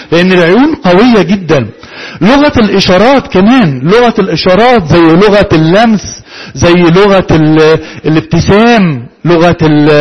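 Man, Egyptian Arabic accent, high-pitched, interactive lecture, asks questions then answers them. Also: breathy edge, rough recording. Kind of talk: interactive lecture to a live audience.

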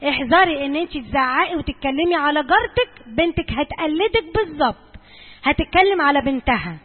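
Egyptian woman, church speaker, high and quick, repeats for emphasis, tinny hall recording. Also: animated. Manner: earnest, direct, frequently repeats points for emphasis. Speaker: church servant advising mothers. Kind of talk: church talk to mothers.

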